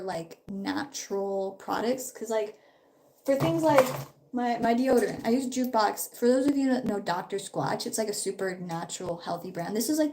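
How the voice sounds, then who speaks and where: A mid-range, dark-toned voice belongs to a slightly sick woman in her twenties. She rambles in an upbeat way during a casual live stream at her parents' house, doing her makeup as she talks.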